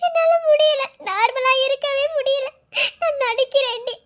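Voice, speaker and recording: A woman's voice: very high-pitched, fairly even intonation, fast, a bit bright. A woman voicing a lovesick young woman who tearfully confides her heartbreak.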